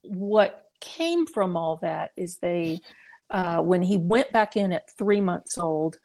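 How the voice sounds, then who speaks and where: A woman's voice: fairly low pitch, expressive, slow pace, a little mellow. A middle-aged woman, a mother and author, speaking earnestly in a faith-based interview, often restarting her sentences and laughing lightly.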